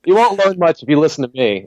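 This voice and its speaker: A man who is a comedian, chatting as a podcast guest in a relaxed, self-deprecating way and laughing easily. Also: fairly high pitch, brisk, dry recording. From Washington, D.C. area. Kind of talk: casual chat.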